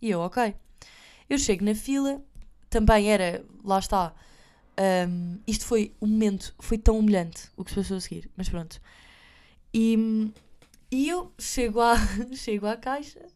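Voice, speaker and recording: A woman's voice: a little high, measured pace, pauses often, darkish tone, clean tone. Young woman, European Portuguese accent, chatty vlogger, self-mocking, drops English phrases. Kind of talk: casual storytelling to viewers.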